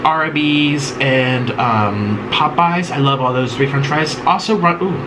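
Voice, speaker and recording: A man's voice: medium pitch, takes it slowly. A man in his late twenties chatting loosely while eating, reading viewer questions aloud and rambling with many ums and little giggles. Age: late 20s. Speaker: mukbang host. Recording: steady air-conditioner hum behind.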